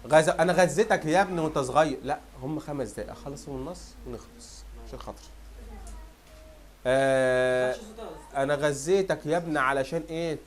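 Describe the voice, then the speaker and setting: A young man with an Egyptian Arabic accent and a rather high voice runs a fast exam review, firing questions at his students and then answering them himself.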